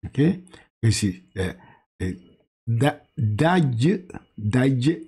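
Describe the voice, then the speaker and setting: With a medium-pitched, mellow voice that has a breathy edge and is very animated, a Senegalese man with a Senegalese French accent patiently teaches Quran reading. He draws syllables out slowly, repeating and correcting, with halting restarts along the way.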